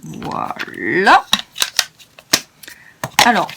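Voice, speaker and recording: A woman's voice: medium pitch, huge pitch swings, drawn-out words, vocal fry, heavy background noise. A French-speaking woman hosting a crafting tutorial, chatty and self-mocking as she narrates each step. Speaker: craft video host.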